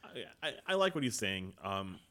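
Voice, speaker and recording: A man co-hosting a casual sports podcast, relaxed, reading out quotes and chuckling. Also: on the low side, moderate pace. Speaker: podcast co-host.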